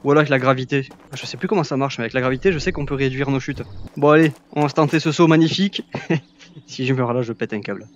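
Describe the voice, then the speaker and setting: A man's voice: medium pitch, quick pace, lo-fi sound, a little hiss or hum. A young man giving casual, playful commentary while playing a VR game, teasing the characters he fights. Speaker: gaming YouTuber. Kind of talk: casual Let's Play commentary.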